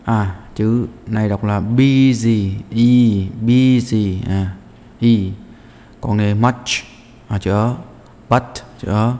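Low-voiced male teacher, reverberant room. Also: steady tone, slow pace, dark tone. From Vietnam. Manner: explains step by step with many "à" fillers. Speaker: English teacher. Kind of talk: walking through test answers.

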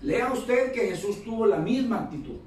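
A man's voice: high voice, animated, normal speed, slight background noise. A man preaching a sermon in a conversational way, repeating phrases and asking for amens. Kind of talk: Pentecostal-style sermon. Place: church hall. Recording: echoey hall, mic far off.

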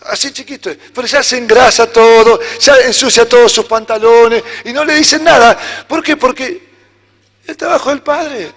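A man with an Argentine Spanish accent preaching a sermon as pastor, animated, acting out little dialogues. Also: extremely high pitch, normal speed. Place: church hall. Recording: church hall reverb.

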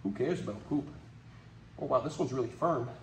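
Excitable young male wildlife host, noisy room. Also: mid-range voice, moderate pace, roomy sound. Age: young adult. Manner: excitable, exclaiming, playful, swinging from hushed murmurs to loud bursts. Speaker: wildlife host, reptile keeper. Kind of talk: animated hands-on animal vlog commentary. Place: large indoor reptile room with concrete floor. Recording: room noise, camera mic.

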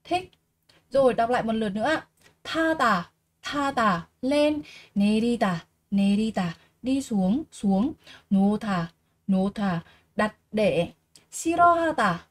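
A woman teaching a Korean vocabulary lesson in Vietnamese, reading each word slowly and repeating it before explaining. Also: fairly high pitch, animated. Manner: slow, repeats each word three times and explains patiently.

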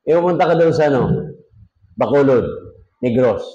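A man's voice: medium pitch, moderate pace, mellow, muffled recording. A man, a pastor, teaching a Sunday school Bible lesson in a joking conversational way, talking straight to his class. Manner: jokey, talks directly to the class.

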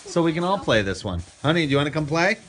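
A man's voice: a little high, big pitch swings, quick pace, crowd noise. A man in his thirties with an American accent, chatting casually and teasingly as a dad in a family vlog. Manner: joking, teasing. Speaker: father vlogging with his family. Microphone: handheld phone camera. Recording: noisy handheld phone audio with clatter.

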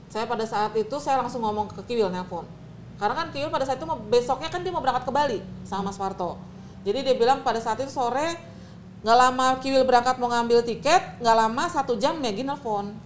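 Animated middle-aged woman. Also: fairly high pitch, brisk, slight background noise. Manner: animated, acts out quoted voices. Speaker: interview guest. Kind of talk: emotional retelling of a marriage.

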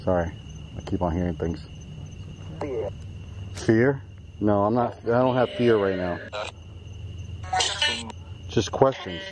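A man hosting a casual ghost-hunting vlog at a cemetery, speaking calmly and asking questions of spirits. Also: slow, pauses often, noisy background. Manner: asks questions of spirits, calm and low-key. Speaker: paranormal vlog host. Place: cemetery outdoors at night.

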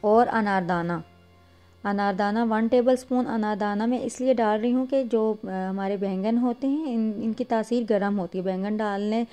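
A woman's voice: medium pitch, normal speed, dark tone, soft background music. A woman hosting her cooking channel, explaining a simple recipe step by step. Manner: plain step-by-step instruction with restarts. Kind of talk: voice-over cooking tutorial.

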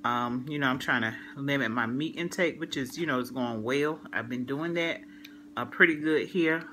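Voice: mid-range voice, normal speed, bright, forceful tone, slight background noise. A vlogger, talking while chewing, chatting casually to viewers in a rambling way with many fillers. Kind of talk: casual eat-with-me chat to viewers.

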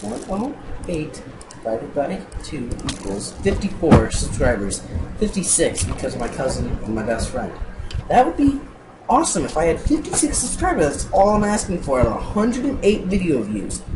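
A man's voice: fairly high pitch, wildly swooping pitch, moderate pace. A young man narrating his block-game footage in a casual, annoyed, rambling way, swearing as he talks. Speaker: gameplay narrator. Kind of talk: casual let's-play narration. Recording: noisy recording.

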